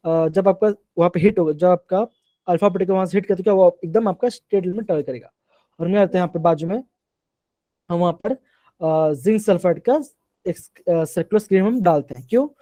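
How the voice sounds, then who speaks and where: A man's voice: sits high, mellow, no echo. A man teaching a class live online, often asking questions and repeating them, mixing terms into his sentences.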